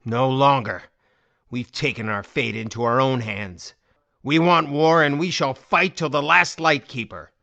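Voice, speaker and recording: A man playing a defiant warrior commander in a fantasy audiobook, with a hoarse, cracking but strong voice and an impassioned, oratorical delivery. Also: medium pitch, unhurried, bright, forceful tone, highs cut off. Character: defiant, fervent male warrior commander rallying his army. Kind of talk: dramatic fantasy audiobook acting.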